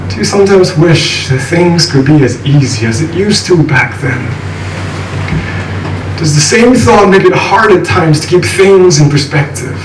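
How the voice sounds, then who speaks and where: A young man from Nepal performs his poetry live in a rhythmic, intense, wry way. His voice sits fairly high for a man. He is recorded from across a reverberant room, with noise behind him. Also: animated, a little slow. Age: young adult. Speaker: spoken word poet. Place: live venue with an audience. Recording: echoey room from a distance, noisy.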